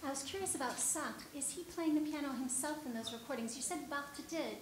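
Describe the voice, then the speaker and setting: A woman's voice: high voice, brisk. Curious woman asking from an echoey hall. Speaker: audience member asking a question. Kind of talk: academic question from the floor. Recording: echoey hall with background noise.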